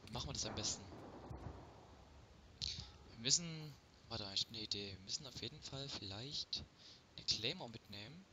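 A man's voice: medium pitch, lively intonation, normal speed, long pauses. A man casually commenting on his own game, swearing and talking to himself. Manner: swears often, mutters to himself. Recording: gunfire and game noise behind.

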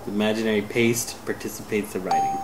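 A man's voice: on the low side, fast talker, reverberant. A man in his thirties chatting casually and repeating phrases in a challenge video. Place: small indoor room at a table. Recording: very noisy home room recording.

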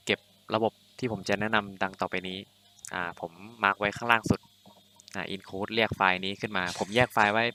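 A young man talks through a coding tutorial in a loose, chatty way, full of fillers and little corrections. His voice sits low but comes across bright and forceful. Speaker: programming tutorial host. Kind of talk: casual screen-recorded coding tutorial.

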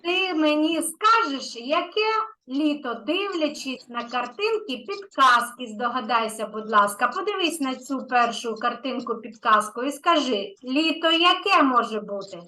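A woman's voice: high voice, lively intonation, measured pace, bright, forceful tone, poor audio. A woman kindergarten teacher giving an online lesson to a young child, patient and encouraging, stretching out key words.

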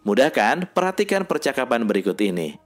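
Man teaching in a calm, measured voice. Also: mid-range voice, faint music behind. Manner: reads sample sentences slowly and deliberately. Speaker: language teacher. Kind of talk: scripted lesson narration.

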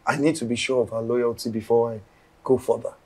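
An actor playing an earnest young Nigerian man in a film drama, with a husky, gravelly voice. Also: mid-range voice, fairly even intonation, a little fast, a little mellow, close to an everyday voice.

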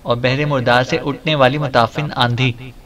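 A man voicing a domineering, wisecracking male detective who issues threats in a mid-pitched voice. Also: level tone, normal speed, fairly bright tone, natural voice. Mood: bossy. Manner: bossy, threatening.

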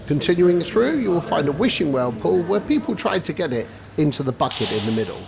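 A middle-aged man narrating a travel vlog voice-over, measured and guide-like, giving practical tips. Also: on the high side, sing-song, creaky, a crowd in the background. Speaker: travel vlogger.

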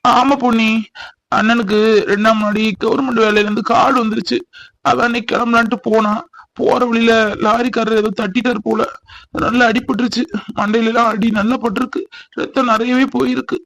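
A man's voice: very high-pitched, flat delivery, fairly quick, gravelly, a bit bright, heavily acted, rough recording. A man voicing a caring, reassuring young village man in a dubbed cartoon. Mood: explaining. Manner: reassuring, explaining.

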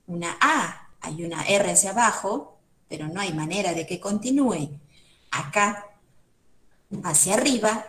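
A woman's voice: lowish voice, fairly bright tone, echoey room. A woman with a Peruvian Spanish accent, a museum educator guiding children through a word search in an online class, thinking aloud step by step. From Peru.

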